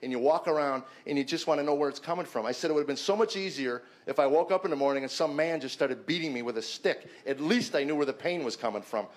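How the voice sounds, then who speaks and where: A man in his fifties shares his personal testimony with a men's gathering, talking quickly with barely a pause. He's an emphatic storyteller who repeats words when he gets stuck and swings loud and high at the peaks.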